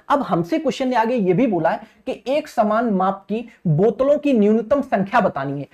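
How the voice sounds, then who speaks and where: Standing at a digital board in an indoor teaching studio, a thirties-aged man teaches exam maths in a very high-pitched, darkish voice. His instructive style is repetitive: he breaks things down step by step, addresses listeners as friends, and keeps checking their understanding.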